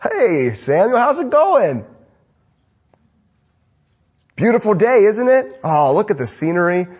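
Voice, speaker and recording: A man's voice: sits high, very animated, moderate pace, darkish tone, husky, voice pushed up, exaggerated voice. A man voicing a cheerful, overly friendly enemy king who feels no threat.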